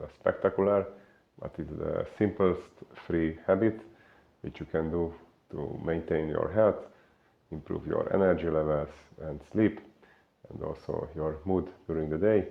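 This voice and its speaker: A man from Hungary with a Hungarian accent, a fitness coach giving an unhurried explainer talk full of filler pauses. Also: extremely low pitch, gravelly, narrow, tinny audio.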